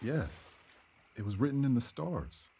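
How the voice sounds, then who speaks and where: A man playing an earnest, calm healer in a stagey period drama, speaking in measured, formal phrases. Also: medium pitch, gravelly, a little hiss or hum. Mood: serene, assured. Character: earnest young male healer, calm and devout believer in elders.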